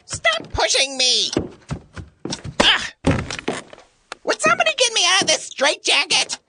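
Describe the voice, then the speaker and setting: A woman's voice: very high-pitched, wildly swooping pitch, unhurried, loud music behind the voice, heavily acted. A woman playing a frantic, melodramatic mad scientist in a comedy audio drama, complaining and straining as if bound in a straitjacket. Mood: strained, whining. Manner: strained, squirming complaints of someone struggling in a straitjacket.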